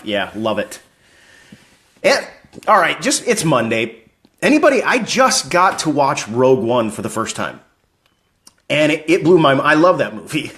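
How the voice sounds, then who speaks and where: Lively chatty man hosting a fan stream. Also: a little high. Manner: upbeat, chatty, greeting viewers by name. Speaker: host of a live fan stream. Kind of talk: casual live-stream chat reading viewer comments.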